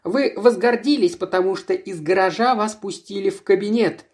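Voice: mid-range voice, normal speed, darkish tone, lightly acted. A reader putting on a haughty young miss, raised and bossy. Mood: indignant. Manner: imperious, scolding. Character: haughty young woman, employer's niece, bossy and touchy.

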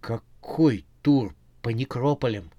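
A man's voice: mid-range voice, mellow, no echo. Exasperated scolding witch, voiced by a man. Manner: exasperated, scolding, quick retorts. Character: irritable sharp-tongued young witch, exasperated.

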